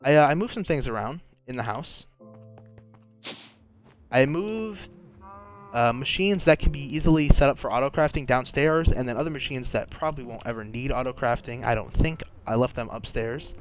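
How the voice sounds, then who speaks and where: A young man who hosts a gaming channel chats casually while playing, his mid-range voice at a moderate pace despite a sore throat. He thinks aloud as he goes and often restarts his sentences, giving relaxed gameplay commentary.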